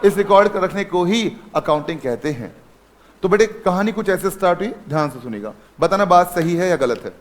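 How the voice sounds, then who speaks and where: High-voiced man teaching accounting to a class. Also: lively intonation, brisk. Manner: calls students son, asks and repeats answers. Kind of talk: classroom lecture.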